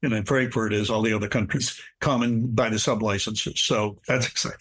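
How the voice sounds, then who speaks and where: A man's voice: brisk, slightly rough, low-quality recording. An older man, a guest speaker and author, telling stories in an interview and acting out quoted lines with big jumps in his voice. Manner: animated storyteller, acts out quotes with big pitch jumps. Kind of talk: storytelling interview chat.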